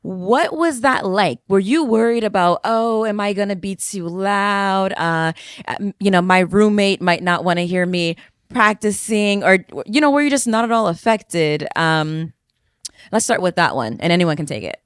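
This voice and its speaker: Smooth-voiced, friendly woman podcast host. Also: medium pitch, animated, moderate pace, no echo, studio quality. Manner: friendly, encouraging, frequent agreeing murmurs. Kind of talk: interview hosting.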